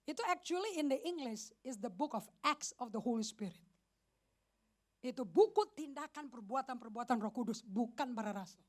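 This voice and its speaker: A woman pastor giving a lively, joking sermon at a church service, slipping in English phrases and often asking the congregation questions. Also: sits high. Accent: Indonesian. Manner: animated, mixes English phrases, jokes with the congregation.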